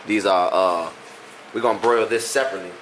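A man's voice: on the low side, brisk, fairly bright tone. A young man with a Louisiana accent, talking casually and teasing as he cooks in his home kitchen on a cooking vlog. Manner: joking, laid-back, teasing. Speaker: cooking vlogger. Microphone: phone camera on the counter. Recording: echoey kitchen with background noise.

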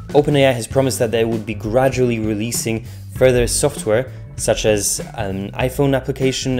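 A man's voice: mid-range voice, a little mellow. A man hosting a tech video with casual commentary, chatty and given to joking asides.

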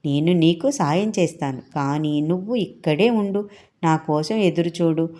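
A woman's voice: low voice, a little slow, mellow. A woman voicing a sweet, generous little girl in a children's story, kind and eager to help.

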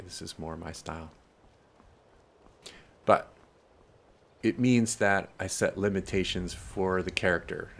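A man's voice: low-pitched, gravelly. A man hosting a let's play, chatting casually and self-deprecatingly and talking back to the characters on screen. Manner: rambling and self-deprecating, talks to the game characters. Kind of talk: casual gameplay commentary.

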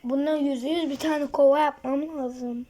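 High pitched woman chatting slow over her game, keeps muttering and whispering to herself. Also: steady tone, dark tone. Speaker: gaming streamer. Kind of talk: casual gameplay commentary.

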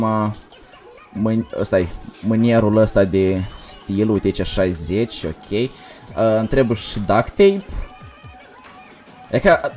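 A young man livestreaming a game, talking fast and energetically while reading out chat messages. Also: medium pitch, darkish tone. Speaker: gaming livestreamer. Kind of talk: casual livestream commentary.

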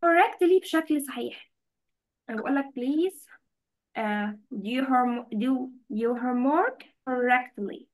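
Speaking slowly and at a fairly high pitch, this woman has an Egyptian accent and is explaining English vocabulary in an online lesson. She alternates between Arabic and English, often pausing to confirm the students understand.

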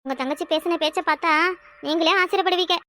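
With a very high, steady, pushed and bright voice, a woman speaks fast in a southern Tamil Kanyakumari accent as a fretful young village wife in a cartoon. She complains, laments, and often exclaims to herself in a lamenting mood. Slight background noise can be heard.

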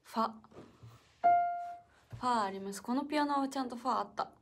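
A young woman hosting a casual solo livestream. She is chatty and playful, reads out viewer comments, laughs often and sometimes drops to a soft whisper. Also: fairly high pitch, a little fast, loud music behind the voice. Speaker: idol livestream host. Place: indoor room with a piano.

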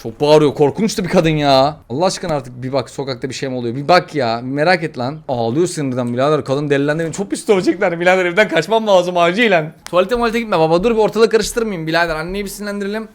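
A man giving excitable, slangy let's-play commentary while playing a game, often frustrated. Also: on the high side, fast talker, hardly any pauses. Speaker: gaming YouTuber.

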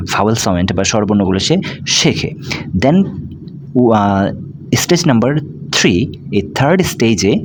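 Guy w a lowish voice explaining stuff patiently, asks himself questions, bit of faint hiss behind. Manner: patient teaching, mixing English terms into speech, rhetorical questions. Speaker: English teacher. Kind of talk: explanatory video lesson.

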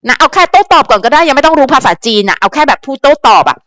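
A woman's voice: sits high, expressive, racing, fairly bright tone, dry recording. A woman hosting a casual commentary channel, talking straight to viewers in a chatty, advisory way with lots of fillers and repeated words. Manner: chatty, frequent fillers and repetitions; advisory, talks directly to viewers. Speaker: channel host commenting on celebrity news.

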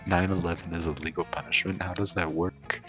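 A man's voice: low voice, flat delivery, fairly quick, a bit bright, soft background music. A man playing a game with friends, chatting and joking casually. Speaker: player in a group game.

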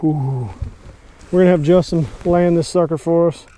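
A young man, chatting excitedly from a bass boat on a lake while he fishes and films himself on an action camera. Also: moderate pace, slight background noise. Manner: excitable, chatty, lots of exclamations. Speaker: fishing vlogger. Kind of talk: casual outdoor chat while fishing. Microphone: action camera mounted on the boat.

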